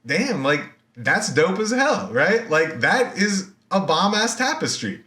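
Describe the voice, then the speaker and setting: A man's voice: sits high, big pitch swings, slow, bright, forceful tone, echoey room, voice pushed up, full character voice. A man voicing the goddess Athena, a proud, vengeful deity, as he retells a myth in a lecture. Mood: grudging praise.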